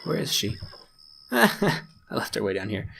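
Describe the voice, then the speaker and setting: A man's voice: fairly low pitch, huge pitch swings, unhurried, vocal fry, fairly bright tone, a little hiss or hum. A man giving casual, chatty let's-play commentary on a strategy game, thinking aloud and making fun of himself. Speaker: gaming YouTuber.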